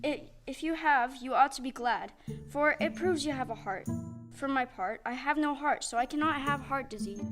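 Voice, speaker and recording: A woman playing a gentle, wistful tin woodman without a heart, in a stage audio play. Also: sits high, moderate pace, close to an everyday voice. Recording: music behind the voice.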